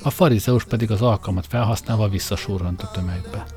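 A man's voice: lowish voice, music in the background. A man narrating an audiobook in a wry, comic first-person storytelling style.

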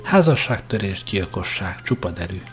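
A cutting, lecturing grandmaster, put on by a male storyteller presses his questions in a lowish, measured voice. He sounds dry and probing. Soft music plays faintly under the reading. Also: sing-song.

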